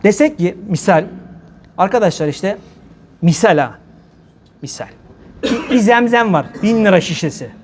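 A man preaching in a casual, humorous way, animated and often laughing as he addresses his listeners like friends. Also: high-pitched, normal speed, long pauses, slight background noise. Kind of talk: casual humorous sermon talk.

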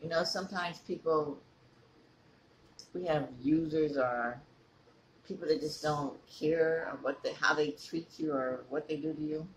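A mukbang vlogger from California chats casually to the camera while chewing, asking his viewers questions. His voice is on the high side, steady and a little slow, and the room is echoey with faint ambient noise.

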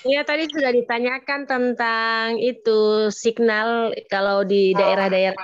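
A woman's voice: a little high, steady tone, measured pace, smooth. Brief: woman, polite and brief, heard over a muffled online call with choppy, breaking-up audio. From West Papua, Indonesia. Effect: choppy audio cutting in and out over a weak connection. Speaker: participant in an online business meeting.

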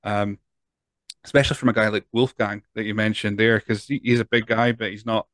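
The host here is a Scottish man in his thirties with a lowish, steady, slightly bright voice and a somewhat fast pace, recorded with no echo. Using headphones and a large studio mic close up in a home studio, he keeps his interview chat casual, asking long, rambling questions that restart midway.

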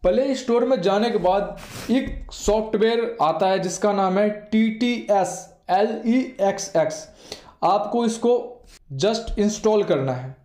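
Speaking slowly in an animated, mellow, high-pitched voice, a man in his twenties with an Indian accent guides listeners through phone steps like a tutorial presenter. He repeats points to stress them. The setting is a small, bare indoor room with echoey sound.

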